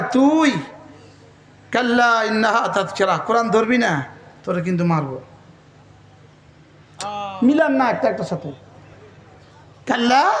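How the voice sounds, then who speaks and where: A man's voice: very high-pitched, fairly bright tone, reverberant. A man preaching a fiery sermon, chanting Arabic verses and calling out questions to the crowd. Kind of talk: Bengali waz sermon.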